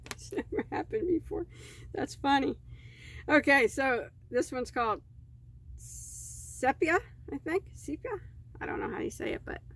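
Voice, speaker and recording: A woman's voice: high-pitched, a bit bright. A woman crochet vlogger chatting casually as she unboxes yarn, easily delighted and rambling in asides.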